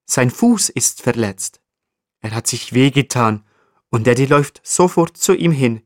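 A man narrating a children's story in a calm, evenly read way. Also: mid-range voice, a little slow, no room sound, studio quality.

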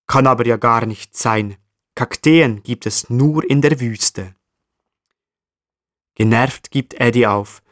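Male storyteller, mid pitch, slow and gentle, talks straight to the listener. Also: no echo, studio quality. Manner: gentle, addresses the listener directly. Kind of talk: children's story narration.

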